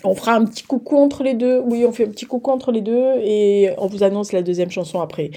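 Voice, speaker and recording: A woman's voice: a little high, brisk, mellow. A woman hosting a music show in a casual, rambling way, full of fillers and teasing banter aimed at someone off-mic. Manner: rambling with frequent fillers and asides. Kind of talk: casual chatty presenting.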